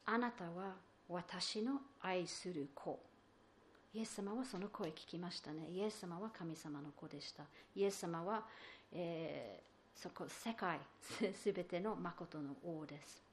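A woman's voice: on the low side, a little slow, a little hiss or hum. A woman preaching a sermon, explaining patiently and asking the listeners questions, with many fillers and restarts. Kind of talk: sermon on a psalm.

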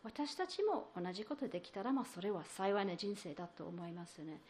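A woman delivers a sermon in a halting way, pausing on fillers and restarting her phrases. She explains patiently and puts questions to her listeners in a mid-pitched voice. A faint hum of ambience sits behind her. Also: animated, a little mellow. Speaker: preacher. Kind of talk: sermon on a psalm.

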